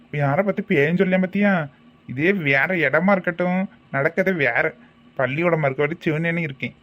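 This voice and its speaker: A man playing a brisk, sharp-tongued kindergarten teacher. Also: a little high, natural voice. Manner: brisk, bossy, quick to threaten. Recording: dull lo-fi sound.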